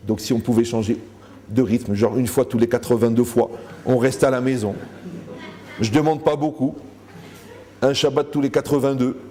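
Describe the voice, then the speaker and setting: A man's voice: medium pitch, fairly even intonation, normal speed, long pauses, mellow. A man giving a Torah lecture to a live audience, joking, asking the room questions and acting out the people he quotes.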